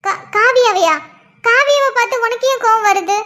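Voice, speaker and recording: A woman's voice: very high-pitched, moderate pace, sharp tone. A woman voicing a middle-aged mother-in-law in a cartoon drama, pleading and soothing. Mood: concerned. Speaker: cartoon character voice.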